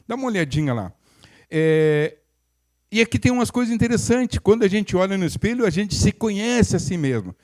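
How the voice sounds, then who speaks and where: A man's voice: high voice, animated, moderate pace, darkish tone. An older male pastor, preaching in a folksy, conversational way with humorous asides and frequent restarts. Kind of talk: sermon.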